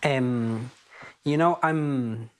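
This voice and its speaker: A man's voice: mid-range voice, very slow. A man from Argentina with an Argentine accent, hosting a podcast and telling his story in an earnest, reflective way. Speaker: podcast host. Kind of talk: casual spoken introduction.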